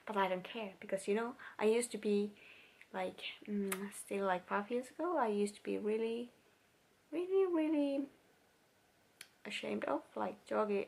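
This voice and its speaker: With a mid-range, gravelly, slightly mellow voice, this young woman chats in a laid-back personal vlog. She's a vlogger with a Finnish accent speaking English as a second language, so she hunts for words, starts sentences over, and laughs occasionally.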